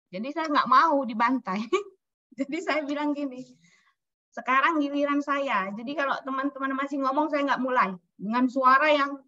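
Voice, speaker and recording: A woman from Sumatra telling an animated anecdote as a guest speaker. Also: high-pitched, muffled recording. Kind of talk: storytelling on a call.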